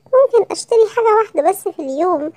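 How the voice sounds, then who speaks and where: A woman's voice: extremely high pitch, lively intonation, very fast, darkish tone, dry recording. Woman doing a cheerful boy lion cub. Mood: earnest. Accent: Egyptian Arabic. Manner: friendly, earnest.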